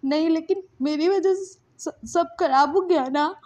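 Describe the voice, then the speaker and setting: A woman's voice: sits high, normal speed, mellow, voice pushed up, natural voice. Woman doing a frightened, stammering young man. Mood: tearful. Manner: pleading, stammering. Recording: dull lo-fi sound.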